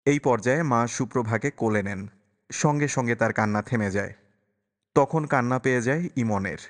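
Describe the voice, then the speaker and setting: A man narrating an audiobook in a calm, measured storytelling voice. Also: medium pitch. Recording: long reverberant echo.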